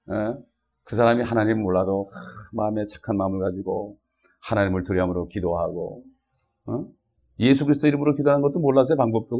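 A man's voice: medium pitch, vocal fry, dark tone. A man preaching a sermon in a conversational way, often checking with the congregation as he speaks. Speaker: pastor.

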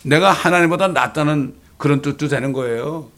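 A man's voice: a little high, fairly quick, fairly bright tone. A man preaching a sermon as pastor, with rhetorical questions and dramatic quoted lines. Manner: preaching with dramatic voiced scripture quotes and English phrases.

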